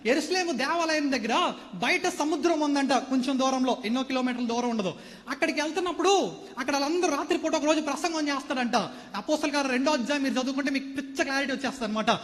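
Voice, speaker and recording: A man preaching a sermon to a seated congregation, dramatically acting out dialogue and swinging between loud and soft delivery. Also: extremely high pitch, quick pace. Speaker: pastor. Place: church hall with seated congregation. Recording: long hall reverb.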